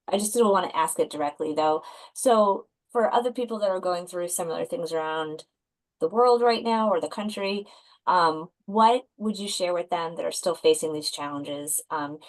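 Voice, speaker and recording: A woman's voice: lowish voice, poor audio. A woman hosting an interview, asking questions hesitantly with many fillers. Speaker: host.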